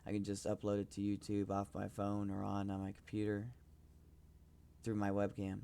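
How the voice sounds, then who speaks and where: A man's voice: fairly low pitch, monotone, moderate pace, creaky, dark tone, clear, resonant tone. A young man rambling casually about his music on his own podcast, hesitant and self-promoting. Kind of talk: casual solo podcast talk.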